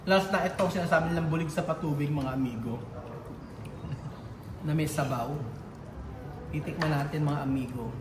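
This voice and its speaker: A Filipino food vlogger chats casually over a shared meal at a restaurant, mixing Tagalog and English and laughing a lot as he tastes the dishes. His voice is a little high, his pace moderate, and he pauses often. The sound carries like a large hall, with a noisy background.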